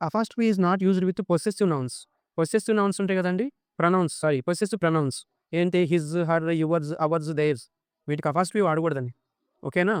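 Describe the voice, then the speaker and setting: Telugu-accented male grammar tutor, crisp tone, switches to slow deliberate English for rules. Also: fairly high pitch, no echo, clean studio sound. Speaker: English teacher. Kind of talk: exam-prep grammar lesson.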